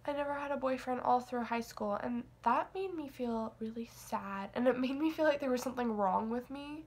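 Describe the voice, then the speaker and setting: Slight background noise sits under a fairly high, somewhat mellow female voice moving at a moderate pace. The speaker, a nineteen-year-old woman, gives a casual confessional vlog that's rambling, hesitant, filler-heavy, and self-deprecating.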